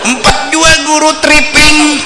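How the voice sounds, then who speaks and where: Heard on a worn old tape, a Banjar-accented man gives a slow mosque sermon with little pitch movement, alternating playful shouts with low earnest asides. The room sounds big, with a faint crowd and a little hiss or hum.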